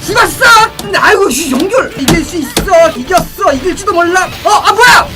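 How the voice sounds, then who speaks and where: A man live-streaming gameplay and cooking, yelling, swearing and firing off rapid repeated exclamations. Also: very high-pitched, over music. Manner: frequent excited yelling and swearing.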